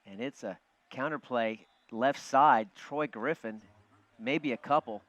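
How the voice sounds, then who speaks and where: A man's voice: mid-range voice, fairly bright tone, no room sound. Man calling football play-by-play. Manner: quick, chatty, jokes with his partner. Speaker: play-by-play announcer. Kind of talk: live football play-by-play commentary. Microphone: broadcast booth headset. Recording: dull, muffled broadcast audio.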